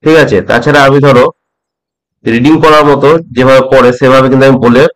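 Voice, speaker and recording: Slow, patient Bengali-speaking male trading teacher. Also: mid-range voice, steady tone, rough recording. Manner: slow, repeats points, asks "ঠিক আছে?" often. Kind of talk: slow explanatory tutorial.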